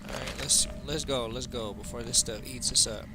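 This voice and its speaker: A man's voice: medium pitch, normal speed. Tired man narrating his gameplay. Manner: relaxed, thinking aloud, reads menu options out. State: tired, yawning. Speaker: gaming livestreamer. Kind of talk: casual let's-play commentary. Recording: game music playing behind the voice.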